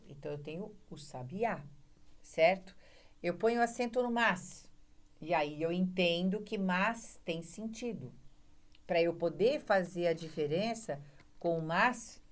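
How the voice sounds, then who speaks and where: A woman with a Brazilian Portuguese accent giving an online grammar lecture, explaining step by step and checking in with her listeners. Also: on the low side. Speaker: Portuguese language teacher.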